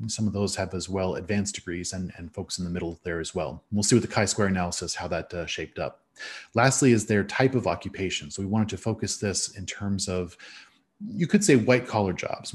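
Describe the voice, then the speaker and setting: A middle-aged man presenting an academic defense over slides in a halting, hedging way with frequent filled pauses. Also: fairly low pitch, husky. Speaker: PhD candidate presenting dissertation defense. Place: indoors on a video call.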